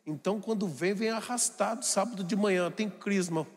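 A man preaching a homily with an animated, storytelling manner. His voice sits high for a man. Long reverb from the church rings behind him. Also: brisk. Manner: animated, acts out family scenes in put-on voices. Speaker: priest.

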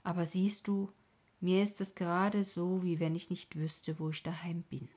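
A woman voicing a dreamy, wistful young boy in a storybook reading, speaking softly and thoughtfully. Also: on the low side, little pitch movement, moderate pace, husky. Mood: troubled. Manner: soft, longing, thoughtful.

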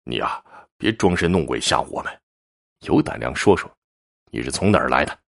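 A man voicing a cautious elder brother who speaks softly and humbly. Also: very deep voice, expressive, fairly quick, vocal fry, voice pushed down, heavily acted. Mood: placating. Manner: soft, placating.

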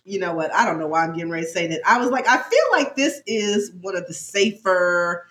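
A woman's voice: lowish voice, a little fast. A woman co-hosting a podcast in casual chat, laughing often and teasing her co-host. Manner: laughs a lot, animated and teasing.

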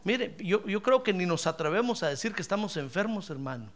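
A man's voice: high-pitched, expressive, a little fast. A man preaching a sermon to his congregation, emphatic and often calling out to his listeners. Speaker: pastor.

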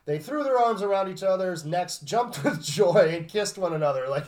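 High-voiced man hosting a storytime podcast. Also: expressive, moderate pace, crowd noise. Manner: joking asides, chuckling. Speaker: podcast host reading a fairy tale. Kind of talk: casual storytelling with banter.

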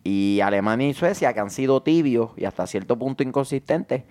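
A man's voice: medium pitch, animated, fairly quick, a little mellow. A man hosting a casual football chat, making emphatic arguments. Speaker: podcast host. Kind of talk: casual sports talk.

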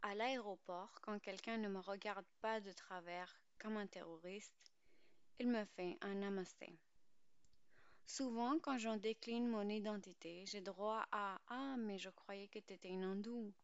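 A woman in her twenties from Pakistan, narrating a scripted podcast as host in a measured, literary storytelling manner. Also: mid-range voice, steady tone, smooth, dry recording, muffled recording. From Pakistan, living in France. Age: 20s.

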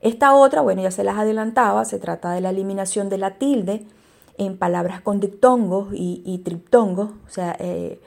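A woman teaching spelling rules, talking straight to her listeners and often pausing with fillers and restarts. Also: medium pitch, creaky, darkish tone. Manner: hesitant, many fillers and restarts; addresses listeners directly. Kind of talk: explaining spelling rules to viewers.

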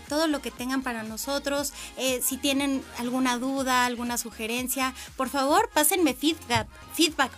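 A woman's voice: high-pitched, fairly bright tone. A young woman, hosting a casual panel chat in a playful, chatty way. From Mexico. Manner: chatty and playful, many fillers. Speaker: host.

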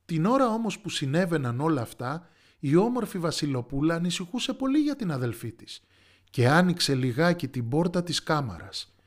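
Man reading a fairy tale aloud. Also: fairly high pitch. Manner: lively, expressive reading. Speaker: storyteller. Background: soft music.

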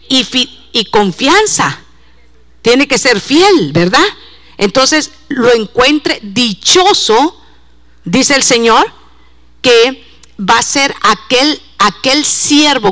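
Female preacher, fervent sermon delivery, rhetorical questions to the flock, somewhat high voice. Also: a bit bright. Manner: speeds up and slows down, repeats words.

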